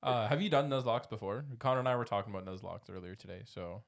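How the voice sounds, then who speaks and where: A man's voice: fairly low pitch, lively intonation, fast talker, vocal fry. A man co-hosting a podcast in casual chat, keeping his replies short and laid-back. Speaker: podcast co-host.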